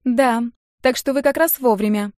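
Woman playing a flirty jealous friend, higher voice, storybook audiobook, no room sound. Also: moderate pace, a little mellow, no echo, studio quality, natural voice. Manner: coquettish, later sulky.

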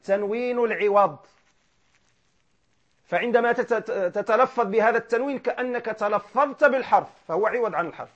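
Male grammar teacher, high voice, quizzes the class and answers himself; dull lo-fi lecture recording. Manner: asks questions and answers them himself; repeats key words and chants Quran verses slowly.

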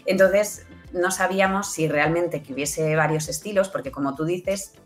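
A woman from Spain who produces audio fiction talks as an interview guest, her voice on the low side and her speed normal. Soft music sits in the background, and she explains things casually, regularly checking with quick tag questions.

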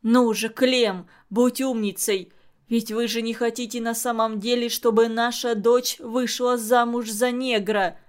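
A woman reading a story aloud, giving voice to a burly, bullying middle-aged man who shouts coarsely. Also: a little high, level tone, measured pace, natural voice. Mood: coaxing.

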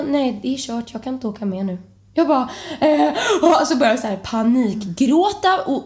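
A young woman telling a chaotic travel story in a casual chat, her voice jumping high as she acts out the panic. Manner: animated, jumps to high excited pitch when retelling panic. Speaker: podcast host.

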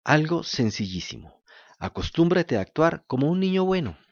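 A man voicing a kind, patient, motherly fairy woman who speaks softly and scolds gently. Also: on the high side, moderate pace, gravelly, no echo, lo-fi sound, voice pushed up, exaggerated voice. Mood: gentle. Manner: calm soft-spoken, gently scolding.

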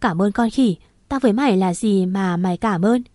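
A woman's voice: medium pitch, moderate pace, mellow, no echo, studio quality, close to an everyday voice. A woman voicing a loyal young female friend who talks bluntly and teasingly on the phone.

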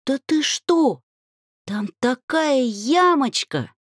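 A woman voicing an excitable young female dryad who talks in shrill, indignant outbursts. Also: drawn-out words, dry recording, clean studio sound, exaggerated voice. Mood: excited.

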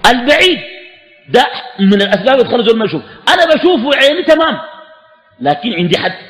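A man with a Sudanese Arabic accent giving a religious lesson to a live audience, animated and often putting questions to his listeners. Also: fairly high pitch, big-room sound. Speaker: religious teacher.

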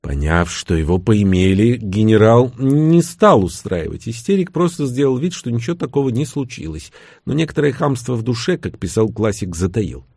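Man, audiobook narrator, husky low voice, animated, dry close sound. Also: moderate pace, hardly any pauses, no room sound. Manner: wry, sardonic storytelling. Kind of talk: first-person audiobook narration.

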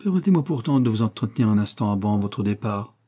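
A man's voice: on the low side, lively intonation, fast, warm tone. A man reading an audiobook voicing a proud, determined middle-aged widow who speaks stiffly and insistently.

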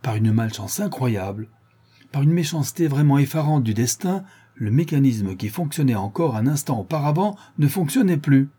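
A man narrating a classic adventure novel in a measured, dramatic way. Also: medium pitch, lively intonation, warm tone, breathy edge. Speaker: audiobook narrator. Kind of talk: scripted narration.

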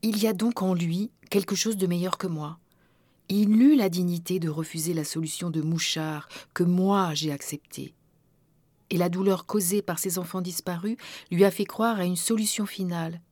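A young woman brooding quietly over what her father did, read by a woman. The low voice is recorded dry and close. It sounds like an audiobook. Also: fairly even intonation, moderate pace, no room sound, close to an everyday voice.

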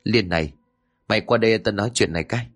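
Man voicing a gossipy old village woman, blunt, nosy, rapid chatter, storybook reading, faint background music. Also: lowish voice, fairly bright tone, husky. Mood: gossiping. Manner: rapid gossipy chatter, coarse familiar address.

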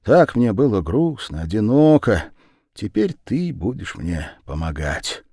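A man voicing a warm older brother from the steppe in a storybook reading, hearty and kind. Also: lowish voice, sing-song, measured pace, no room sound, studio quality. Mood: tender.

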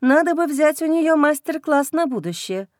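A woman reading a first-person novel aloud in a wry, lively way. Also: high voice, normal speed, no echo, clean studio sound. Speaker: audiobook narrator.

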